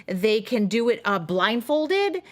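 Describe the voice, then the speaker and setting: A woman's voice: a little high, sing-song, slow. A woman, co-hosting a radio show, teasing her partner and laughing often. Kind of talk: casual chat and show-and-tell.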